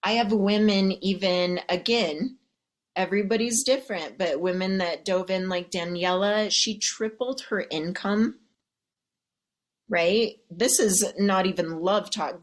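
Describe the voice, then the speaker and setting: A woman coaching a live audience of women, chatty and sassy, calling them ladies and darling and acting out quoted voices. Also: fairly low pitch. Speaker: love and mindset coach.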